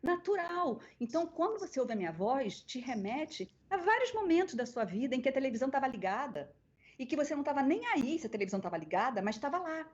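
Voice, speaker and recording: A woman with a Brazilian accent, a guest voice actress on a podcast, telling stories in an animated way. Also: high-pitched, fast talker, husky. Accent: Brazilian Portuguese. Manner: animated storyteller, acting out quoted voices. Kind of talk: casual interview storytelling. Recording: dull lo-fi podcast audio.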